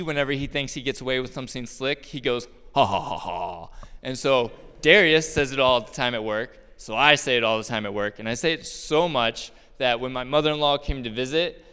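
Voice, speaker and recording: A man tells a personal story about his roofing work in a relaxed, joking way, full of ums and laughs. His voice is smooth and resonant at a middle pitch. A long hall reverb follows his words. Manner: casual, joking, many fillers and laughs. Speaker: roofer telling a personal story. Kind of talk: personal storytelling talk on stage.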